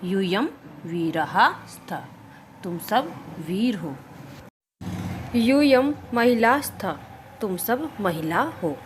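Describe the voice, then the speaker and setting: A woman teacher, slowly explaining Sanskrit grammar and repeating each sentence with its meaning. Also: mid-range voice, darkish tone, slight background noise. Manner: slow, deliberate, repeats each sentence with its translation.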